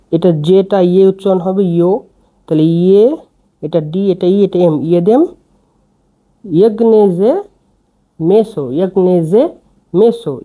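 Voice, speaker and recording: A very dark, mellow voice gives a slow, patient language lesson. Words come letter by letter and each phrase is said again and again. The pace is unhurried throughout, with steady repetition. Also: medium pitch. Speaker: language teacher.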